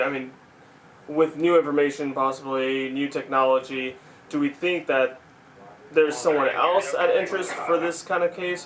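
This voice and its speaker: A man's voice: mid-range voice, a bit bright, rough recording. A man interviewing someone informally, with tentative, wordy questions that ramble.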